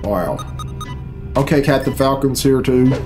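A man in his thirties, with a medium-pitched voice and a slightly slow pace, offers casual, profane, sardonic reaction commentary as a reaction video host. He's indoors in a small bedroom, with video game cutscene music playing behind him.

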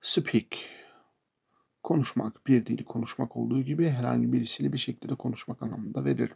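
A man with a Turkish accent teaching basic English verbs to beginners, slowly saying each word and repeating example sentences. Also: mid-range voice, fairly even intonation, gravelly, darkish tone, husky.

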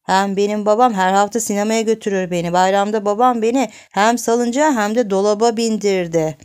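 A woman voicing a stubborn seven-year-old girl who brags back in a high voice. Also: fairly even intonation, brisk, a little mellow, clear, resonant tone, natural voice. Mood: boastful. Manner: bragging back.

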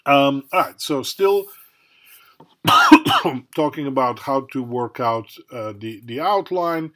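A man's voice: mid-range voice, wildly swooping pitch, slow pace, bright, forceful tone. A middle-aged man lecturing as a university professor in a conversational way, with many fillers and tag questions. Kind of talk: recorded lecture.

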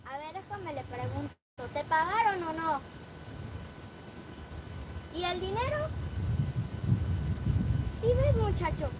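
A woman's voice: very high voice, animated, measured pace, long pauses, poor audio. A young woman vlogger talking in a firm, scolding, exasperated way. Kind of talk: casual vlog chat.

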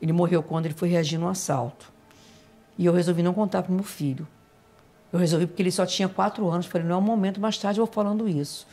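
A woman guest in an interview telling personal stories, emotional and halting, often repeating phrases. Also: lowish voice, steady tone, warm tone, soft background music.

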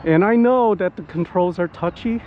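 Out at a flying spot in the wind and rain, a high-pitched male vlogger gives casual, excitable live commentary at normal speed while piloting his RC model plane, whooping and addressing his viewers. The recording is muffled and noisy.

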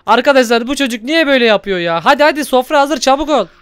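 A man's voice: very high-pitched, lively intonation, quick pace, music in the background. A man hosting a Minecraft role-play video, narrating in an exasperated, scolding and theatrical way. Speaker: gaming youtuber host.

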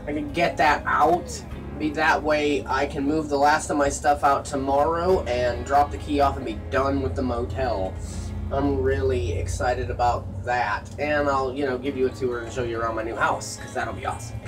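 A man's voice: medium pitch, steady tone, moderate pace, recorded from a distance, music in the background, rough recording. A man in his late thirties, talking casually to his viewers in a rambling, musing way from a small gas station kiosk, filmed on a handheld phone. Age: 30s. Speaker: vlogger. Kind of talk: casual solo vlog to camera. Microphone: phone held close at arm's length.

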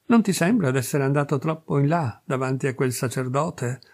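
A male reader voicing a timid, polite country gentleman who speaks gently and hesitantly. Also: medium pitch, moderate pace, lightly acted.

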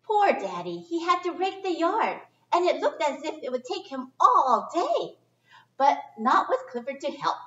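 A middle-aged woman storyteller with a high, lilting voice reads a picture book to children a little slowly, expressive and chatty, with simple phrasing and informal asides. She is in an indoor library children's area, recorded by a distant camera microphone across an echoey room, sounding muffled.

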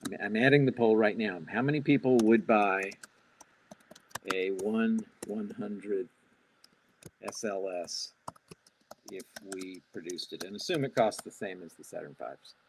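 An older man with a lowish voice and measured pace presents a keynote Q&A online, reading the audience's questions and answering off the cuff, complete with fillers and restarts. He speaks through a wired earbud headset on a video call from a small home office, with background noise audible.

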